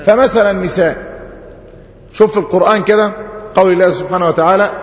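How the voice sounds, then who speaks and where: A man's voice: high-pitched, fast. A man with an Egyptian accent, a sheikh teaching an Arabic grammar lesson, who poses questions to the class and answers them himself. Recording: echoey hall, dull lo-fi sound.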